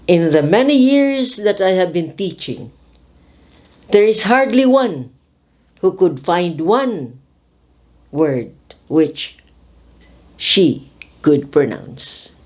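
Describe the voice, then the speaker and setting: Very slow, careful woman teacher. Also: lowish voice, sing-song, a little mellow. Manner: careful, over-articulated word drills. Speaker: pronunciation teacher.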